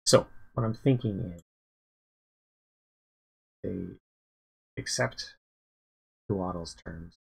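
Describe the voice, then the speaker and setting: Very gravelly, husky-voiced man thinking aloud. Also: sits low, darkish tone, poor audio. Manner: rambling, halting, many fillers and restarts. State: sleepy. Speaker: dungeon master planning a campaign. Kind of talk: casual livestream, thinking aloud.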